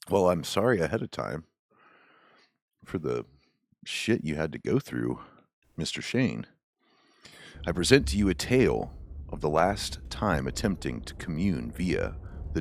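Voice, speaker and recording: A man's voice: rumbling low, sing-song, a little slow, gravelly, long pauses. A man hosting a podcast, reading listener stories aloud and joking casually with a co-host. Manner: laid-back, jokey, swears casually.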